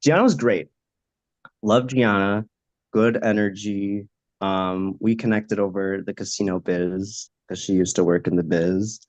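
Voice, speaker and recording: A man hosting a casual chat, lively and talkative, laughing easily. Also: on the low side, unhurried, no echo. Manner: animated, chatty, laughs easily.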